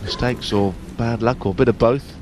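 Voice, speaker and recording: A man giving hushed live snooker commentary in measured, analytical asides between shots. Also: mid-range voice, steady tone. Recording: noisy arena with audience behind. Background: audience and hall noise.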